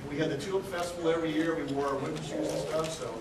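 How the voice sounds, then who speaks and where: An aquarium CEO from Texas with a high voice gives a casual, chatty public talk to a live crowd, joking and asking them questions at a racing pace. The sound is echoey, as in a large indoor hall, with the mic placed well back and steady background noise.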